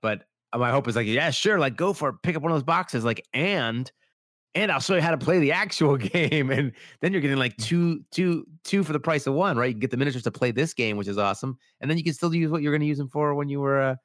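This young podcast host talks fast and animatedly in a medium-pitched, slightly bright voice, slightly worn after an illness. His casual chat rambles with plenty of "like" fillers and acted-out quotes. The studio-quality recording has no room sound.

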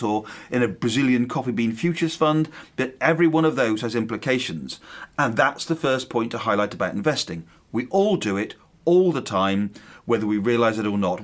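A man hosting a podcast, explaining and giving tips in a conversational way. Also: mid-range voice.

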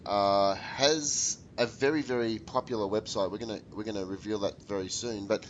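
A man with an Australian accent co-hosting a podcast in casual chat, husky and hoarse from a head cold, upbeat and rambling with restarts. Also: lowish voice, steady tone, normal speed, highs cut off, slight background noise. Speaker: podcast co-host.

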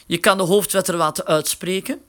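A man giving a casual spoken tutorial, explaining slowly and with filler words while working a phone. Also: high-pitched, fairly even intonation, a bit bright, a little hiss or hum. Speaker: instructor.

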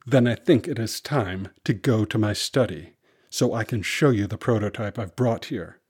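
A man voicing a poised, confident wealthy businesswoman who speaks softly and pointedly. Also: on the low side, moderate pace, breathy edge.

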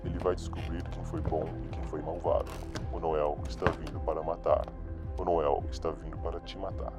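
A man's voice: little pitch movement, moderate pace. A man voicing a sinister killer dressed as Santa, chanting a menacing carol in an eerie singsong through a voice changer. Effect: voice changer, distorted deep voice. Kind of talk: horror audio story acting. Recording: music playing behind the voice.

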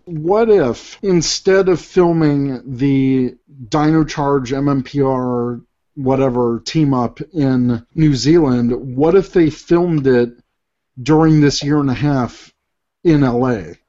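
A young man hosting a casual podcast, playful and animated. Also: mid-range voice, takes it slowly. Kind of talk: casual fan chat. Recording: dull lo-fi audio.

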